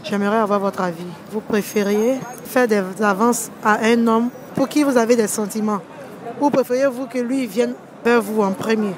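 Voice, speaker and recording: A young woman with a fairly high voice stops passers-by on a city street at night, next to parked cars, asking questions for a street interview into a handheld mic. She speaks at a moderate pace and often restarts her questions. The audio is poor, with outdoor street noise.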